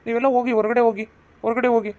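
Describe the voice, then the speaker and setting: A stern, brisk doctor, played by a man, in a rural village drama, his voice pitched high and his words coming fast. He scolds and orders people about, and the lo-fi recording sounds dull. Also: little pitch movement, darkish tone.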